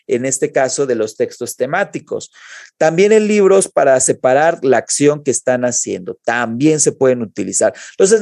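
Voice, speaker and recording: A man's voice: fairly high pitch, mellow, no room sound, studio quality. A male teacher with a Mexican accent explaining grammar in an exam-prep lesson, often checking in with his students.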